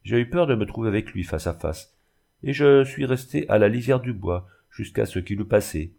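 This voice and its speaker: A man voicing a tender-hearted young woman in a reading of a classic novel, speaking gently and with feeling. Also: lowish voice, animated, normal speed, vocal fry. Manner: pleading, emotional.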